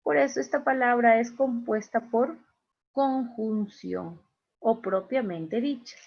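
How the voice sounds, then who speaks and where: Woman teacher, slow and repetitive, slightly high voice, dull video call audio. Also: creaky, darkish tone. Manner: slow, repeats key phrases, checks in with "¿listo?". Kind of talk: online class lecture.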